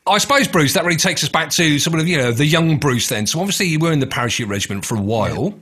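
A man's voice: a little high, animated, fast talker, pushed and bright, husky. A man interviewing a guest, asking friendly, joking questions. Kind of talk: casual interview.

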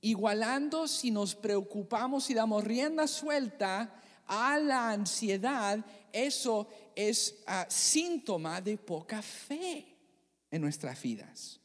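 A pastor preaching a sermon in a church, expressive and dramatic, asking the congregation questions. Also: mid-range voice, takes it slowly. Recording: long church hall reverb.

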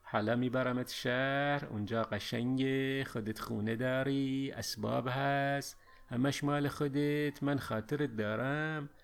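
A man voicing a kindly, gruff middle-aged village man in a narrated audio story, speaking slowly and coaxingly. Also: mid-range voice, steady tone, faint music behind, natural voice. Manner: slow, coaxing promises.

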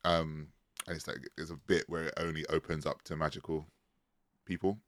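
Man, bright forceful voice, close dry sound, casual film chat, frequent filler words, hesitant phrasing. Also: rumbling low, level tone, moderate pace, no echo. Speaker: podcast host.

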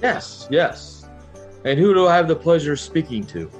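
A man's voice: fairly high pitch, big pitch swings, moderate pace, pitched above the performer's own voice. Man acting a friendly wandering adventurer, jovial town-drunk manner, rambling, tabletop role-play, music behind.

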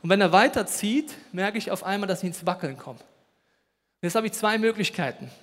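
High-voiced preacher in a reverberant hall. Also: male voice, moderate pace. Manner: lively storytelling preacher, acts out voices. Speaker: pastor. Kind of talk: sermon. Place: church service.

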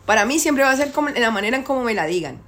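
A woman's voice: fairly high pitch, lively intonation, rapid-fire, a bit bright. A woman talking insistently in a casual debate, repeating herself to drive points home.

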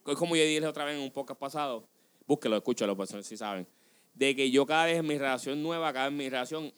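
A man's voice: mid-range voice, quick pace, fairly bright tone, clean tone. A young man hosting a podcast in casual chat, rambling and mixing in English phrases. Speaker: podcast host.

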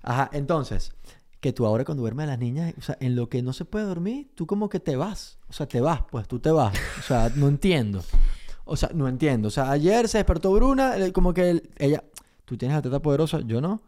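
A man's voice: a little high, animated, fairly quick, mellow. A man in his thirties with a Venezuelan accent, teasing his partner in casual podcast chat. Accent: Venezuelan Spanish. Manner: teasing, self-mocking. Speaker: podcast co-host.

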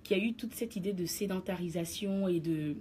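Brisk and fairly low-pitched, with a darkish tone and a little hiss or hum behind her, a woman presents her radio column from the studio. Her commentary explains where she stands, pressing the point to listeners like a lecture.

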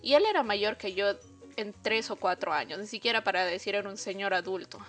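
A young woman, a podcast guest, telling a personal work story in an animated, casual way, full of fillers and asides to her listeners. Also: medium pitch, fairly quick, soft background music.

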